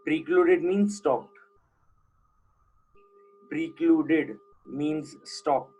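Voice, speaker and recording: Guy teaching online, husky voice, keeps asking questions and saying things twice. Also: a little high, very slow, a little mellow, rough recording. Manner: asks students questions and repeats key points. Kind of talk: online classroom lecture.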